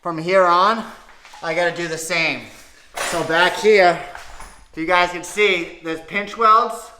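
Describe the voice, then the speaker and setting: A man's voice: high-pitched, fairly even intonation, takes it slowly, sharp tone. A young man casually walking viewers through a car repair in his garage, talking loosely with slang. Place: home garage with a car lift. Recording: echoey garage, faint noise.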